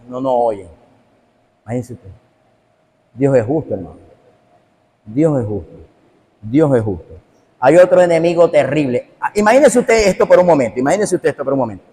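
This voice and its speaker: A man's voice: medium pitch, darkish tone. A man, a pastor, preaching a sermon emphatically and repetitively, calling straight out to his listeners. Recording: long hall reverb.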